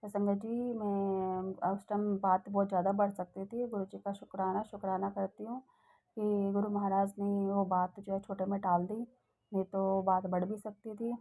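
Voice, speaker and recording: Mellow-voiced woman telling a rambling testimony. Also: medium pitch, level tone, normal speed, rough recording. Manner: rambling and heartfelt, many hesitations. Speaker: devotee sharing a testimony. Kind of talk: personal satsang testimony.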